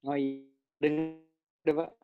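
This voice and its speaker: A man's voice: a little high, little pitch movement, takes it slowly, phone-quality sound. A man moderating a webinar, politely relaying audience questions over a video call whose audio keeps breaking up. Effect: choppy audio that keeps cutting out.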